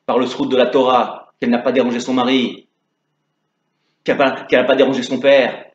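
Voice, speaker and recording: A man teaching Torah through a dramatic story, moving between hushed narration and loud calls. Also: mid-range voice, level tone, fairly quick. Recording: dull lo-fi sound in an echoey room.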